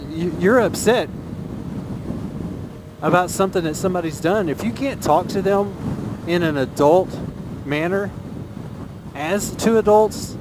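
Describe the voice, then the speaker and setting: A man talking casually and earnestly from inside a motorcycle helmet, giving his opinion as he rides and repeating phrases for emphasis. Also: high voice. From Texas, USA. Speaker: motovlogger. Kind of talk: casual opinion monologue while riding. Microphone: helmet microphone. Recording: inside a helmet, loud wind and engine noise.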